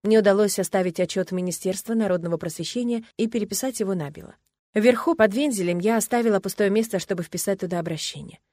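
A woman narrating an audiobook in the first person, calm and even. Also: medium pitch, no room sound.

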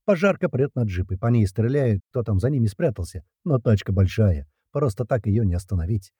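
Husky man narrating an action audiobook. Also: lowish voice, lively intonation, brisk, mellow, no room sound, clean studio sound. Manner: tense action narration, dialogue read aloud. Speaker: audiobook reader. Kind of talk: first-person audiobook narration.

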